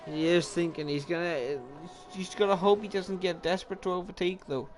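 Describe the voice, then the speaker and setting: A young Welsh man with a high-pitched voice talks at a moderate pace, giving chatty live commentary on an online racing league. He often jokes at his own expense and corrects himself, with steady noise in the background.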